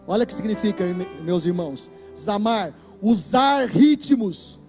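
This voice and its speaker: Brazilian preacher guy, high voice, gets fired up and shouts, soft music under it. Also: lively intonation, measured pace. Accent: Brazilian Portuguese. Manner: impassioned preaching, bursts into shouts. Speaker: pastor. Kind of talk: sermon. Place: church hall.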